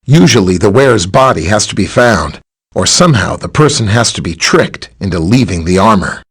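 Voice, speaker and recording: A man takes on the role of a friendly, relaxed superhero scientist for a video game, greeting and briefing the player. His voice is lowish and a little rough with lively intonation and a moderate pace, and his explanations sound casual and conversational.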